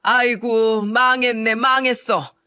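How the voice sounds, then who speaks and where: A woman doing a shrill, nagging old mother-in-law. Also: steady tone, slow pace, sharp tone, smooth, no echo, clean studio sound. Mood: scolding. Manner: shrill, scolding and whiny.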